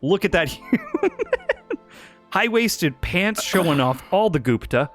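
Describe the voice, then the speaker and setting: A man riffs casually while playing a video game with a co-host, quick to joke and laugh. His voice moves animatedly through its pitch range. Faint game music runs beneath him. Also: animated. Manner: joking, laughs often, bossy directions. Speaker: co-host of a gaming show. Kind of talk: casual gameplay commentary.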